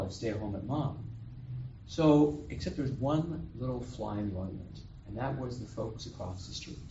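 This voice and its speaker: A man's voice: medium pitch, a little mellow, slight background noise. A man giving a homily as a priest, telling a story and acting out the quoted voices. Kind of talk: homily at Mass. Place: chapel or church. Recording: echoey room, distant mic, dull sound.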